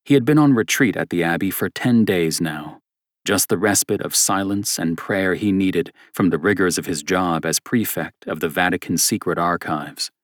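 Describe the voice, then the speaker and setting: A male audiobook narrator reads in a steady, measured way. His voice is very low and close-miked, with a dry, dead sound and no room around it. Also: no echo.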